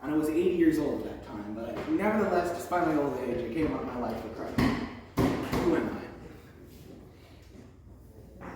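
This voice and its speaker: A man solemnly recites a first-person saint riddle for a parish quiz. His voice is a touch high and comes from a distance. A big echoey hall carries it, with audible background noise. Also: animated, normal speed, long pauses.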